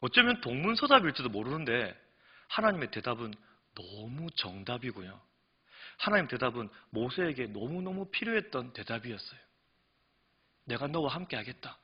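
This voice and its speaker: Animated preaching man, husky lo-fi. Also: mid-range voice, normal speed. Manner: animated preaching that swings from hushed to emphatic. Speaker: pastor. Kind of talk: sermon. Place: church sanctuary.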